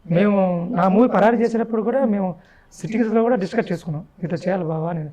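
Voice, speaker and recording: A man talking at a very fast clip with a fairly high voice. He insists on his points in a casual interview, repeating himself for emphasis. His speech is emphatic and rapid throughout. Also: dark tone, low-quality recording. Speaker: interview guest, film actor.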